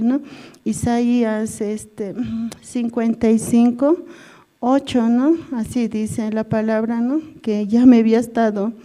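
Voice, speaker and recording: Woman, middle-aged, church testimony, somewhat high voice, rambling with constant question tags. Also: warm tone. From Bolivia. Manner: rambling, tags nearly every phrase with a questioning "no?". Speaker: church member giving testimony. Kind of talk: personal testimony at a prayer service.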